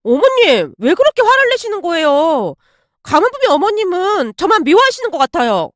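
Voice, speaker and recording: Woman playing wheedling daughter-in-law, high voice, pushy, dry sound. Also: big pitch swings, a little fast, dry recording. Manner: wheedling, pleading.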